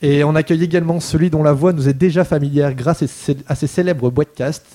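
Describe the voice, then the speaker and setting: A man's voice: a little high, steady tone, brisk, warm tone. A man hosting a casual radio chat show and introducing his guests. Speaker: host.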